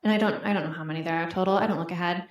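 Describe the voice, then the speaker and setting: A woman's voice: on the low side, fairly even intonation, very fast, dull audio. A woman co-hosting a podcast, chatting casually and rambling with lots of "um" and "like". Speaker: podcast co-host. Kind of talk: casual chat. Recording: echoey room.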